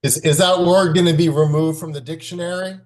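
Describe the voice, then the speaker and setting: A man making wry deadpan quips in casual chat on a video call. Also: on the high side, fairly quick. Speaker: poetry gathering attendee.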